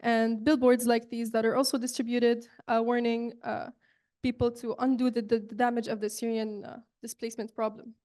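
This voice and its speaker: A woman's voice: fairly high pitch, level tone, moderate pace, a little mellow. A young woman from Saudi Arabia giving an earnest student presentation, with frequent fillers and restarts. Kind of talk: presentation talk.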